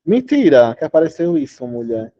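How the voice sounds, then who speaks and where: A man's voice: a little high, very animated, normal speed, no echo, dull audio. A man teaching a Portuguese class online, chatty, quizzing students and singing out syllables. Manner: chatty, asks students questions, sings out syllables.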